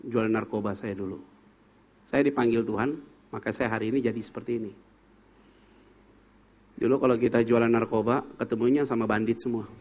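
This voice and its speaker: A male pastor delivers a lively sermon in a church service, with a voice of ordinary pitch for a man. He tells frank, humorous stories and keeps firing questions at the congregation. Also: a little fast, pauses often.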